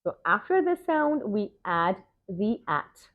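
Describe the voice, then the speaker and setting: A woman teaching phonics, slowly modelling sounds and words and repeating each one twice. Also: medium pitch, very animated. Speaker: reading tutor. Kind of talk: phonics lesson mixing Hindi and English. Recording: tinny phone-like sound.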